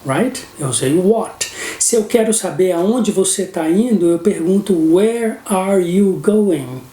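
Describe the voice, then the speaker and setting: Brazilian male teacher, explanatory lesson delivery, warm low tone, recorded in a room with echo. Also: animated, slow. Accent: Brazilian Portuguese. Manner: explanatory, keeps checking in with "não é?". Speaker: English teacher. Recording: roomy echo.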